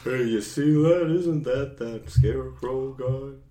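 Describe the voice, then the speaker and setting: A man's voice: medium pitch, takes it slowly, warm tone, roomy sound, natural voice. A man in an improv comedy scene playing a mild, agreeable bear who believes whatever he is told. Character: easygoing, gullible bear.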